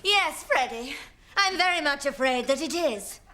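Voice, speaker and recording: Unhinged, evil-voiced villainess, bright and forceful. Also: female voice, high voice, animated, unhurried, full character voice. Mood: menacing confession. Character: unhinged villainous murderess, defiant seductive femme fatale. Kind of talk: parody period murder-mystery sketch.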